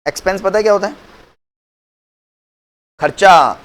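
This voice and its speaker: Speaking at a measured pace in a high, fairly bright voice, a male accounts teacher gives a chatty lecture. He asks his class questions and supplies the answers himself, weaving English phrases into Hindi and calling students "beta" with affection.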